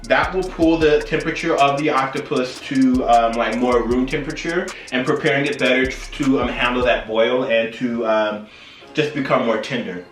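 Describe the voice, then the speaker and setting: A man's voice: mid-range voice, fairly even intonation, moderate pace, fairly bright tone. A man chatting casually as host of a cooking video, tipsy and rambling, often losing his train of thought. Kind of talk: casual cooking vlog chat. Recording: roomy echo, distant mic, faint music.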